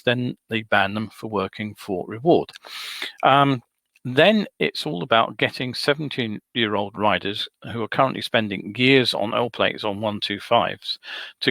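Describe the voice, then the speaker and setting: Man, webcast host, bright forceful voice, dry close sound, measured advisory delivery with many ums. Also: mid-range voice, no room sound. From United Kingdom. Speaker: host of a motorcycle safety webcast. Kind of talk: solo live webcast talk.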